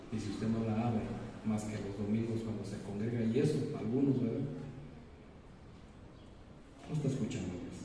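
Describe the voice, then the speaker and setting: This sermon comes from a pastor with a fairly low voice, questioning his congregation rhetorically from the church sanctuary. He is distant from the microphone, the hall echoes, and background noise is noticeable.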